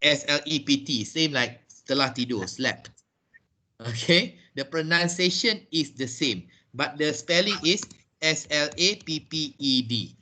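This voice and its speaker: A man's voice: fairly high pitch, animated, measured pace, sharp tone. A man with a Malaysian accent teaching English pronunciation in a class, spelling words out letter by letter and repeating himself as he explains. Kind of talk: classroom lesson. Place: workplace training room.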